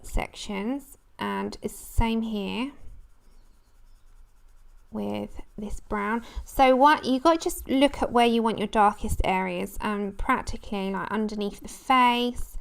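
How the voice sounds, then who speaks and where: A woman's voice: mid-range voice, takes it slowly, vocal fry, clean tone. A woman chatting casually and rambling as she hosts a craft livestream, breaking off to talk to viewers. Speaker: livestream host. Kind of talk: casual craft livestream chat while colouring.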